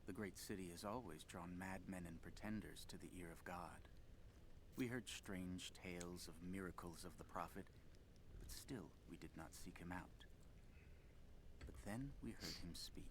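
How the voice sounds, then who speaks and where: An actor playing a grave, reverent ancient chronicler in a video game, telling his tale in a measured, dramatic way. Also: deep voice, noisy background. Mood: solemn, reverent. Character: solemn, reverent ancient male chronicler of a prophet. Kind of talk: dramatic scripted game narration.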